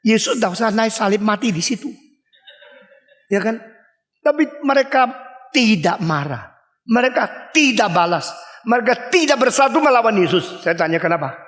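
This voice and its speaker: An older man preaching a lively sermon, asking his listeners questions and acting out the people and animals in his story. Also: high-pitched, moderate pace. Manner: animated, acts out voices and dog barks, asks the audience questions. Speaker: pastor. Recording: long hall reverb.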